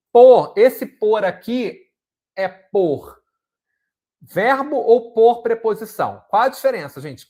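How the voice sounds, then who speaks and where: A man's voice: high voice, darkish tone. A Brazilian man teaching a Portuguese exam-prep lesson, explaining answers step by step and asking the students rhetorical questions. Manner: didactic, checks in with frequent "ok?" and rhetorical questions.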